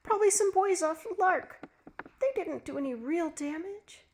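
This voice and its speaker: A woman's voice: very high voice, expressive, unhurried, a little hiss or hum, voice pushed up, heavily acted. A woman reading a story, voicing a frightened wife who pleads and gasps. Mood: pleading. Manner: pleading, gasping.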